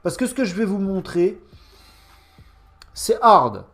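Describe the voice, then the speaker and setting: A man's voice: sits high, big pitch swings, slow pace, a bit bright, faint music behind. A man hosting a casual, sarcastic game review in a mocking, slangy and emphatic manner. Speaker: gaming video host.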